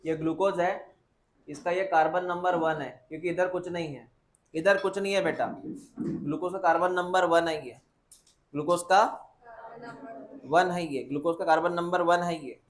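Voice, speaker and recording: A man with a fairly high voice teaches biology in a classroom that rings with echo. He repeats each point several times and keeps firing short questions at his students. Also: steady tone. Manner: repetitive, quizzing students with quick questions. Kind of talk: classroom lecture. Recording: echoey classroom.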